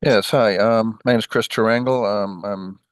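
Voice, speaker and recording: Low-voiced man from Nevada on a headset. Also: fairly even intonation, moderate pace, no echo. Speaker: pharmacist applicant. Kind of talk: self-introduction on a video call.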